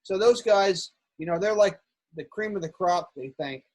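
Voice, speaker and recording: Over a choppy video call, the same astronomy club board member chats casually on a live club session in a husky, high, slightly mellow voice. He talks at a moderate pace, rambling and repeating words whenever he starts over.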